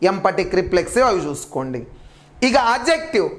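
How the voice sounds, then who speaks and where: A man's voice: high-pitched, very animated, a little fast. A man teaching English grammar for a teacher exam, repeating key terms emphatically as he drills them. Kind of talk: exam-prep grammar lecture.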